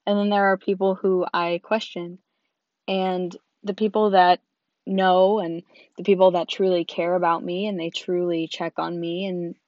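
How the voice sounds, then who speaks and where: A young woman with a hoarse, worn-out voice hosts her own show, talking earnestly and a little rambling straight to her listeners. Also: on the low side, dry recording. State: hoarse, lost voice. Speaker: host. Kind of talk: casual talk to camera. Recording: dull lo-fi, dry.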